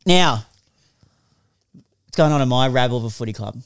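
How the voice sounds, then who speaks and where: A man's voice: medium pitch, animated, normal speed, clean tone. An Australian man hosting a podcast in casual, matey banter. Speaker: podcast host.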